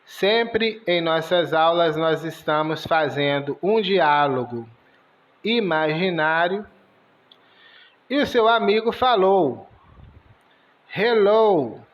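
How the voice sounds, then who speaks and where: A man's voice: on the high side, lively intonation, slow, a bit bright, dull audio. A man teaching English in a video lesson, spelling out sounds letter by letter.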